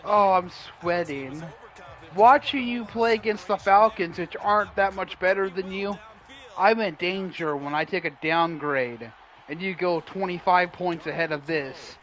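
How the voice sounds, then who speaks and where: A man's voice: high-pitched, a little slow, fairly bright tone. A young man in casual gaming banter, rambling with lots of fillers, laughing and swearing. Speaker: gaming friend.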